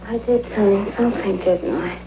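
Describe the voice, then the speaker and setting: An actress playing an uneasy captive heiress in an old horror B-movie. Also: female voice, medium pitch, moderate pace, close to an everyday voice. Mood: unsure. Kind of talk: old B-movie film acting. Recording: muffled noisy old film soundtrack.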